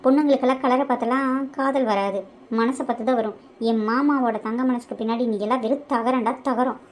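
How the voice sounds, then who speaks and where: Lady doing a fiery young wife in a cartoon, high voice, scolding, light hiss. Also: fairly even intonation, fast talker, close to an everyday voice. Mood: angry. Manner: scolding, exasperated. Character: married young woman, fiercely scolding. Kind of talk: cartoon voice acting.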